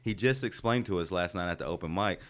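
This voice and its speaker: A man's voice: low-pitched, fast talker. A man co-hosting a comedy podcast, talking in a laid-back way and laughing. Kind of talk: casual chat.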